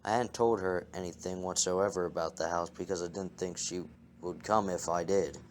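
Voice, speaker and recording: A man reading first-person scary stories aloud as a narrator, in a calm, measured way. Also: low-pitched, a little hiss or hum. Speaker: story narrator. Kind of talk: scripted horror story reading.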